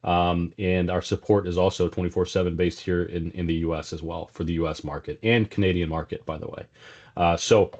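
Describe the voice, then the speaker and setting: Here a middle-aged South African sales executive, with his native accent and a slight Texas twang, speaks as a guest in a casual business interview. His voice is low-pitched, steady and darkish, at a fairly quick pace, and his conversational style includes many fillers and restarts. Dull, lo-fi audio.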